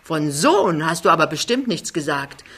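A woman's voice: low voice, sing-song, moderate pace, full character voice. A woman voicing a big, cheerful man who talks his way out of everything, in an audiobook reading. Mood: breezy denial. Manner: breezy, loud, smooth-talking. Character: big cheerful male giant, glib charmer.

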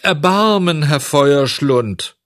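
A man voicing a brave wooden puppet boy in a high, thin, pleading voice while reading a storybook aloud. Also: sing-song, a little slow, slightly rough, heavily acted.

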